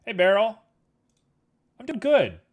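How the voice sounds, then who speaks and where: Chatting with viewers as he works on a 3D model, this livestreamer speaks slowly in a voice that sits high. His easygoing talk wanders and is thick with fillers, and he has a mild sniffle.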